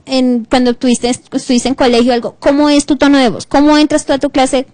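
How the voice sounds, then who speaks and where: A woman's voice: high voice, brisk, no room sound. A woman with a Colombian accent teaching an online class, reading English terms aloud and explaining them. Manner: switches between reading English and explaining, animated. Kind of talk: bilingual online class lecture.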